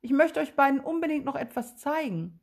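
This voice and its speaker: A woman voicing a friendly young vampire boy who loves tomatoes, eager and sometimes sheepish, in a breathy voice for a children's story. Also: high-pitched, expressive, brisk, pitched above the performer's own voice.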